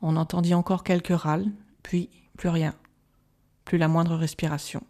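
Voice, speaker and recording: A woman reading a gothic novel aloud as an audiobook, calm and measured, softly voicing the quoted lines. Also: fairly low pitch. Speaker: audiobook reader. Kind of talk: scripted narration of a gothic novel.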